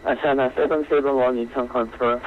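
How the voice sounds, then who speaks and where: Speaking rapid-fire in a steady, mid-range voice, a male air traffic controller issues clipped procedural instructions by radio on an online flight sim network. The transmission sounds muffled and lo-fi, with faint background noise.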